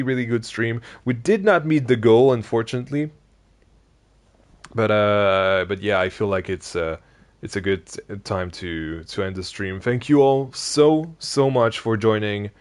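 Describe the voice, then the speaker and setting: A man's voice: on the low side, clean tone. A man live-streaming a building game late in a long session, chatting loosely with viewers and restarting his sentences a lot. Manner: rambling, many restarts and fillers, chatting with viewers. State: sleepy, yawning. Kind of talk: casual live-stream chat while gaming.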